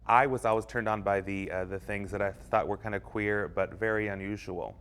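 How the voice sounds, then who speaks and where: A man in a documentary interview speaks haltingly, restarting his sentences as he thinks. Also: on the low side, steady tone, a bit bright, clean tone.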